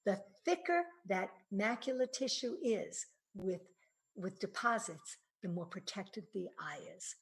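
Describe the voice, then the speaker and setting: A woman's voice: medium pitch, lively intonation, measured pace, rough recording. A woman giving a presentation on eye-health supplements, explaining earnestly with frequent fillers and restarts.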